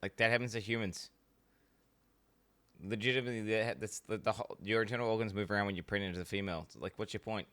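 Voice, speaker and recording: A man reacts as a streamer in a casual, blunt way. His voice is forward and crisp, and he argues with plenty of swearing. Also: fairly low pitch, fairly even intonation, racing, few pauses, fairly bright tone. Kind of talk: casual livestream reaction commentary.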